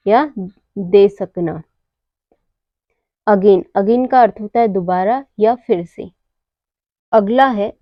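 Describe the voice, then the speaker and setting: A woman teaching English word pronunciation, explaining each word slowly and answering her own questions. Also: medium pitch, no echo, dull audio. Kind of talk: slow explanatory lesson.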